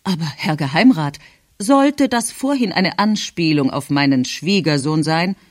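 A man's voice: a little high, expressive, a little slow, no echo, clean studio sound. A man reading aloud and voicing a fawning but persistent delegation spokesman. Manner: deferential, insistent.

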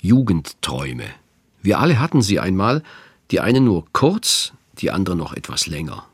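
A man's voice: low voice, big pitch swings, husky, no echo, studio quality. A man in his fifties giving a reflective scripted radio narration as host. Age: 50s. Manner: reflective, measured.

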